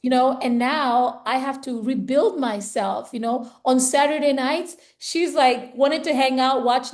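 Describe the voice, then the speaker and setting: Earnest, higher-voiced woman in a heart-to-heart. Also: a little slow, a little mellow. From born in Zambia, raised in the US. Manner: earnest, reflective, frequent "you know" and "like". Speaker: podcast conversation partner. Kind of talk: casual heartfelt conversation. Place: home, based in Italy.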